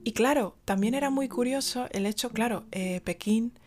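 A woman's voice: a little high, moderate pace, darkish tone, soft background music. Chatty woman rambling. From Spain. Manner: chatty, rambling with many fillers and restarts. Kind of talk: casual storytelling.

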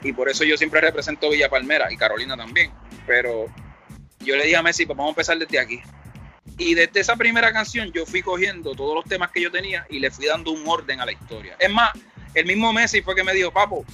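Reflective Puerto Rican rapper, bright voice. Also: male voice, on the high side, fast, soft background music. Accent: Puerto Rican Spanish. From Puerto Rico. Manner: rambling, reflective, acts out quoted dialogue. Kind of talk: casual interview storytelling.

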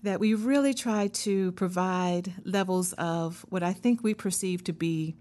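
A woman in her fifties, a therapist hosting her own podcast, thinks through ideas in a solo reflection, chatty and earnest, frequently going off on asides. She speaks a little slowly, in a warm, fairly low-pitched voice.

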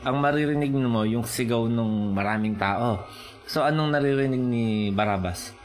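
A man preaching a sermon in mixed Filipino and English, explaining slowly and often checking in with his listeners. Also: mid-range voice. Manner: Taglish preaching, slow and explanatory, rising with emphasis.

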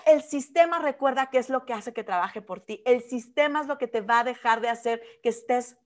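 High-voiced, emphatic woman mentor. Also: brisk. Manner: lively, emphatic, asks listeners rhetorical questions. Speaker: business mentor. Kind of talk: motivational mentoring talk.

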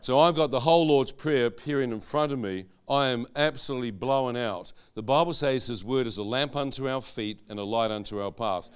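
A man's voice: medium pitch, brisk, few pauses, clean tone. A man preaching a sermon testimony, telling his story and quizzing the audience with questions.

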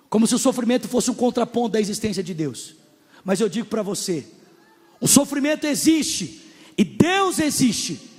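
A male pastor with a Brazilian accent preaching a sermon, emphatic and joking, rising to shouts at high points. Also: husky. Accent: Brazilian Portuguese. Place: church hall. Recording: long reverb in a large hall.

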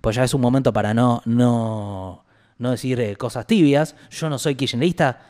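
A man's voice: medium pitch, normal speed, a little mellow. A man with an Argentine Rioplatense accent, co-hosting a casual political chat, blunt and exasperated, swearing freely. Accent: Argentine Rioplatense Spanish. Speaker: political podcast co-host.

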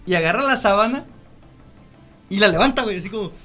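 A man's voice: sits high, expressive, fast talker, pushed and bright, soft background music. Slangy young Mexican man telling a story. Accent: Mexican Spanish. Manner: laid-back, slangy, often laughing, acts out quoted voices. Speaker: podcast co-host. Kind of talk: casual storytelling chat.

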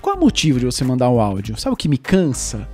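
A man's voice: mid-range voice, wildly swooping pitch, fast talker, soft background music. A man giving casual advice as a podcast host, emphatic and full of rhetorical questions and playful sound effects.

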